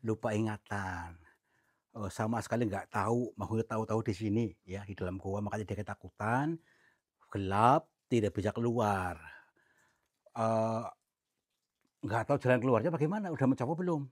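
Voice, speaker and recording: A man exploring a cave, talking in a coaxing, soothing, often hushed way. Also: lowish voice, moderate pace, pauses often, breathy edge, dry recording, clean studio sound. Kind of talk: staged exploration vlog. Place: inside a cave.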